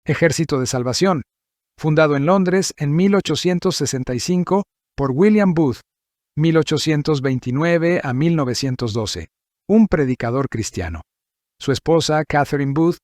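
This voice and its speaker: Male narrator, somewhat high voice, steady list-like scripted read, dry booth sound. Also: no room sound. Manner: measured, list-like reading.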